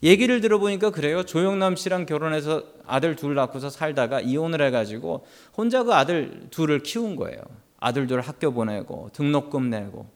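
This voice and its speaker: A man's voice: fairly high pitch, animated, brisk, hardly any pauses. A male pastor preaching a sermon, telling stories with humorous asides to the congregation.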